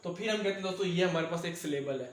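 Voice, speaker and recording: A fairly high-pitched man explains a lesson, repeating key words and asking his listeners if they have followed. He speaks in an echoey room. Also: rapid-fire. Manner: repetitive, checks understanding with "ठीक है दोस्तों"; mixes English terms into Hindustani speech. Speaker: English teacher. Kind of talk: classroom lecture.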